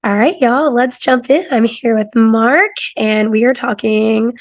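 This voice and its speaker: A woman hosting a podcast interview, hoarse from losing her voice, chatting casually and eagerly with lots of filler words. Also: fairly high pitch, measured pace, loud music behind the voice. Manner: casual, enthusiastic, lots of "like" and "kinda". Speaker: podcast host.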